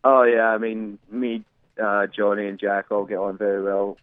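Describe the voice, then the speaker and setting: A man's voice: on the low side, monotone, normal speed, no room sound. A young man with a thick Scottish accent giving a casual interview as a soccer player over the phone. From Scotland. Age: young adult. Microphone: phone call. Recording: tinny, narrow phone line.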